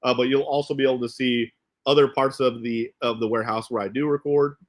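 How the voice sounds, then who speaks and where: A man's voice: mid-range voice, fairly even intonation, fairly quick. A man hosting a casual livestream, talking to viewers in a rambling way and often restating his phrases. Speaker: host of an RC car channel. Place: indoors in a cluttered warehouse.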